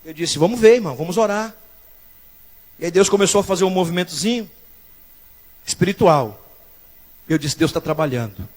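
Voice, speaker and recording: A male pastor from São Paulo preaching a sermon in church, with loud rising bursts and quieter asides. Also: high-pitched, lively intonation, normal speed, long pauses. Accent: Brazilian Portuguese, São Paulo.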